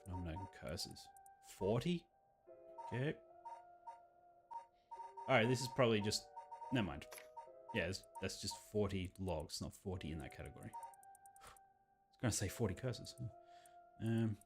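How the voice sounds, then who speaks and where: A male game streamer casually commentates while he plays, thinking aloud and reading on-screen text over game music. His voice sits low and is expressive and unhurried, with long pauses.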